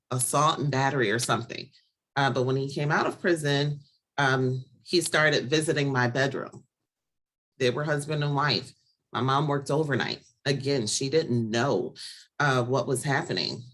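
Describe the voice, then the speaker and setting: A woman giving a candid personal testimony as a guest, talking plainly and pausing often with fillers. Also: deep voice. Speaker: guest sharing a survivor story.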